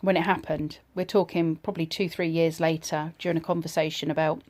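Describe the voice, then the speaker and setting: A woman casually telling a personal ghost story in a reflective, slightly hesitant way, pausing between short phrases. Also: deep voice, level tone, darkish tone.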